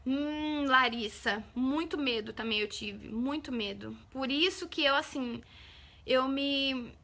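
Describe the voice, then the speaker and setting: A woman's voice: high-pitched, slow, bright, forceful tone. A Brazilian woman hosting a casual live stream, chatting with viewers, greeting them by name and often checking "entendeu?". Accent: Brazilian Portuguese.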